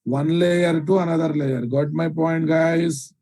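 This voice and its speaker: A man with a Telugu Indian accent lectures live on programming. His voice sits a little high for a man and has a very soft, mellow tone. He repeats key phrases for emphasis and often stops to ask whether learners follow. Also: fairly even intonation, unhurried. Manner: repeats phrases for emphasis, checks understanding with questions. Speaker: programming teacher.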